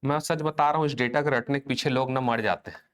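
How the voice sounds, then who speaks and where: A man's voice: mid-range voice, fairly even intonation, fairly bright tone, clean tone. Guy teaching an exam class, chatty, keeps asking if students got it. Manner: call-and-response drilling, chanting mnemonics slowly; conversational, checks in with students often. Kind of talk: live online class lecture.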